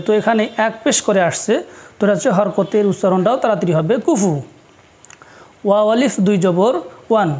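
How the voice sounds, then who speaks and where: A patient Quran teacher, a man, walks his students through a classroom lesson. He talks slowly, spells each letter aloud and repeats every rule so it sticks. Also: high voice, a little mellow.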